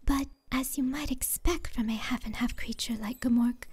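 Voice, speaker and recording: A woman as a breathy, whispering childlike empress. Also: on the high side, fairly even intonation, moderate pace, a little mellow. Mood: grave, calm. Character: serene, childlike, otherworldly empress of a fantasy realm. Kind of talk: fantasy audiobook character dialogue.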